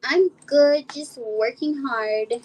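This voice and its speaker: High bright-voiced valley-girl guest. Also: slow, rough recording. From Arizona. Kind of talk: casual chat.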